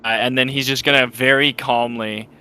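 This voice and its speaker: A man playing a tabletop game, telling his character's actions in a relaxed, storytelling way. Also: medium pitch, moderate pace, smooth. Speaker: player.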